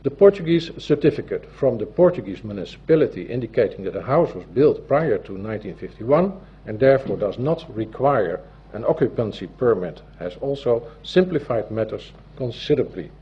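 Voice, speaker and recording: A man with a Dutch accent gives a formal presentation as a notary, speaking in a deliberate, halting way. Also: mid-range voice, expressive, breathy edge. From Netherlands. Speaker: civil law notary giving a presentation. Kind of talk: formal presentation, partly read from a script. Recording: dull, muffled audio with loud background noise.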